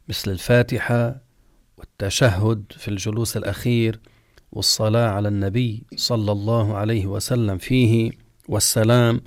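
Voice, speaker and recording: A man, an Islamic scholar, giving a religious lesson and explaining rulings slowly and deliberately, drawing out example words as he pronounces them. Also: on the low side. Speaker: Islamic scholar teaching jurisprudence. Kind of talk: religious lesson, question-and-answer.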